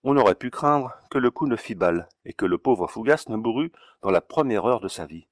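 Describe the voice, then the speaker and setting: A man narrating a classic novel as an audiobook, measured and steady. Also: on the low side, no echo, studio quality.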